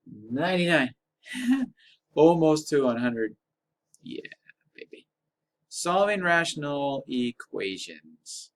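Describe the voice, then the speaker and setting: A male math teacher talks through an algebra lesson at a whiteboard, wisecracking and poking fun at himself. He slows right down to stretch out key terms, in a mid-range voice. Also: mid-range voice, vocal fry, fairly bright tone. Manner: jokey, self-deprecating, drags out key words. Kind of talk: recorded classroom lesson. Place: room with a whiteboard.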